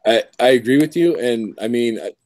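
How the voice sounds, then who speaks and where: A man's voice: medium pitch, expressive, moderate pace, a little mellow, no room sound. A man in his late forties chatting on a group call, stammering and repeating himself. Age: 40s. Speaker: caller. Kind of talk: casual group call chat.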